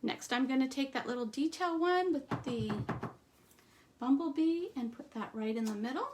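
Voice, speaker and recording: A woman giving a live stamping demonstration, chatting through each step and trailing off into quiet asides. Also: sits high, moderate pace, noisy background. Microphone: streaming setup at a craft table.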